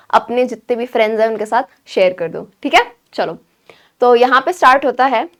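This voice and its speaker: Young woman teacher, high bright voice, patient, explains a poem step by step. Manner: explains patiently, keeps checking in with students. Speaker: English teacher. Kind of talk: Hinglish poetry lesson.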